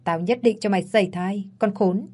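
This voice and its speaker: A woman's voice: medium pitch, moderate pace, darkish tone, lightly acted. A woman voicing a jealous, vengeful young mistress in an audio story, with bitter muttering. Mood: spiteful.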